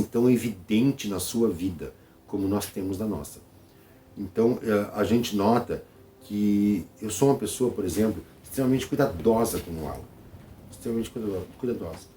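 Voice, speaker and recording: A man's voice: on the low side, dark tone, slight background noise. A man with a Brazilian Portuguese accent hosting his channel in a casual vlog monologue, talking conversationally, repeating phrases and checking in with his listeners. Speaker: channel host.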